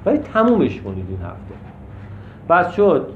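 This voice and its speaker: A man's voice: a little high, huge pitch swings. A man leading a recovery group session, giving firm, blunt instructions with a teasing edge, recorded in an echoey room with muffled sound and faint noise. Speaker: group facilitator.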